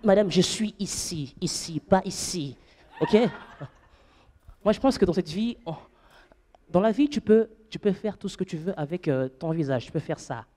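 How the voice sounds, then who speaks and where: A man doing a stand-up comedy set on stage, playful and animated, breaking into falsetto and shouts for gags. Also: moderate pace, long pauses. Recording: live club with audience.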